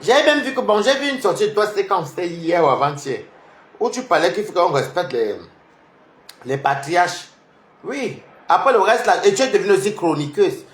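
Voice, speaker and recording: A man with a fairly high voice rants at his online rivals, taunting and mocking them in repeated jabs. He swings between loud outbursts and low, muttered asides. The recording sits in an echoey room. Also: animated, normal speed. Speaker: social media commentator. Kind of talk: confrontational online rant.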